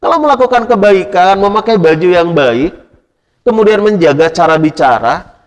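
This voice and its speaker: A stern older religious teacher lectures his pupil in a raised, urgent voice, as a man acts him out. His high, strained voice rings through a long hall reverb. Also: animated, normal speed, muffled recording. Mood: admonishing.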